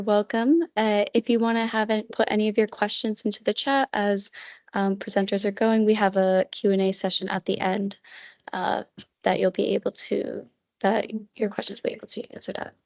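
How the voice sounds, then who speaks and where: Even-toned woman, dry and close sound. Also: mid-range voice, no echo. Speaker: meeting organizer running the slides. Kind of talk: casual housekeeping announcement. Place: online video meeting.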